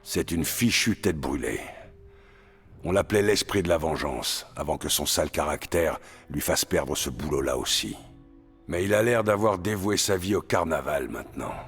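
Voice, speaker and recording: An actor playing a gruff, grizzled male mutant brawler from Canada in a French video game dub, blunt and sardonic. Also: very deep voice, animated, moderate pace, faint music behind, full character voice. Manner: blunt, sardonic, laid-back.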